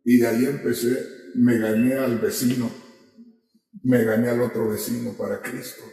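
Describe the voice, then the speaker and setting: A man's voice: mid-range voice, level tone, moderate pace, creaky, dark tone. A man, a pastor giving an impassioned personal testimony during a sermon, his voice rising to cries when he quotes his prayers. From Mexico. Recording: echoey hall from far off.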